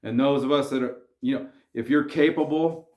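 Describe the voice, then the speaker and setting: Keep your cool is the message of this casual advice monologue, delivered straight to camera by a laid-back, slangy, earnest vlogger. His voice is medium-pitched with a darkish tone, normal speed, and a reverberant sound.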